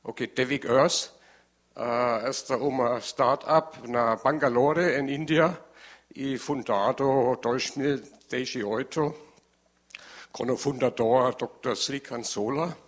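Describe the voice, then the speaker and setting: A man with a German accent and German as his first language, giving a formal presentation haltingly in a language he is not fluent in, searching for words. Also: mid-range voice.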